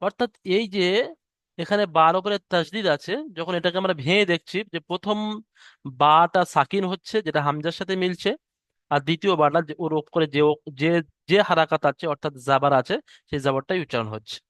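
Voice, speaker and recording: A man teaching an online Quran reading class, slowly drawing out letter sounds to demonstrate them. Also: on the high side, a bit bright, no room sound, studio quality. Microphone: headset or computer mic on an online class call.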